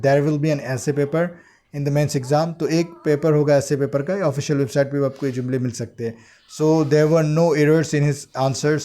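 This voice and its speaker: A man with an Indian accent teaching English phrases in a bilingual lesson, reading each example sentence slowly and carefully before explaining it in Hindi. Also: mid-range voice, warm tone. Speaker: English teacher for exam aspirants.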